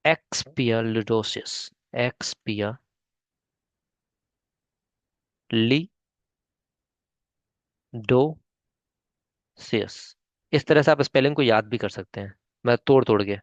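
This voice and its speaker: A man's voice: medium pitch, no room sound. A man with an Indian accent teaches English in a patient, repetitive way, stopping often to check that his students follow. The sound is dry and close, and a little dull, like a simple home recording. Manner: patient, repeats "ठीक है?" often, spells words syllable by syllable. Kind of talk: online spoken English lesson in Hindi.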